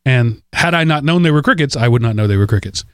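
A man hosting a podcast, chatting casually and rambling with fillers and quick laughs. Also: medium pitch, lively intonation, clean tone, dry recording, clean studio sound. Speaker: podcast host. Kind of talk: casual chat.

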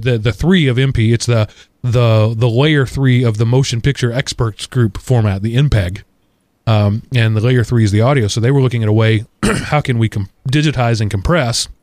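Male podcast host, casual and rambling, wry self-deprecating asides, mid-pitched, dry close sound. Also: darkish tone, dry recording. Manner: rambling, full of asides and restarts.

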